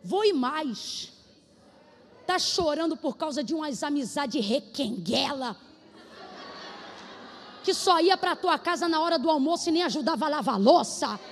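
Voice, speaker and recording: A woman preacher from Brazil giving a sermon, moving between shouted prophetic declarations and casual storytelling. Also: high-pitched, animated, unhurried, long pauses, big-room sound, some chatter behind.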